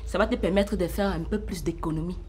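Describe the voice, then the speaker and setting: A woman's voice: fairly low pitch, fast, a little mellow, a little hiss or hum, close to an everyday voice. A woman with a Cameroonian French accent playing a firm wife who runs a restaurant. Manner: firm, dismissive. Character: proud, firm wife and elder sister.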